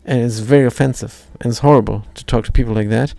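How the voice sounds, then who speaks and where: A German-accented man from Germany live-streams his coding, thinking aloud and chatting with viewers in a wry, self-deprecating way, often muttering half-finished lines. His mid-range voice is warm, steady, and quick, with vocal fry. The recording is dry, with soft background music.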